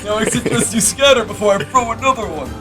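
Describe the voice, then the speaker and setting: A man putting on the voice of a fierce, foul-mouthed ancient village grandmother, high and strained, in a read-aloud story. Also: animated, quick pace, bright, forceful tone, exaggerated voice. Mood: mocking. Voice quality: high, strained old-woman voice. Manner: brash, crude and scolding. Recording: background music under the voice.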